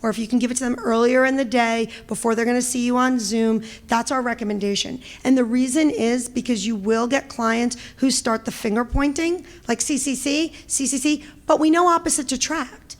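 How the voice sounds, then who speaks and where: Loud Brooklyn woman presenting. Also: fairly high pitch. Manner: loud, animated, quick talker. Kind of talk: conference presentation and Q&A.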